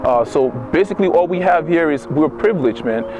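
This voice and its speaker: A young man from Liberia, a nonprofit founder, answering interview questions in a measured, thoughtful way. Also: on the high side, lively intonation. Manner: measured, thoughtful, some restarts. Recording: music playing behind.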